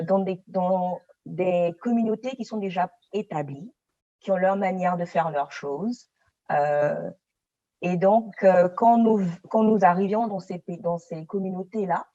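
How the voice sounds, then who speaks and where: A woman's voice: on the low side, dark tone, dry recording, muffled recording. A woman panelist speaking in a discussion, sometimes searching for her words. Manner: French mixed with an odd English word, searching for words.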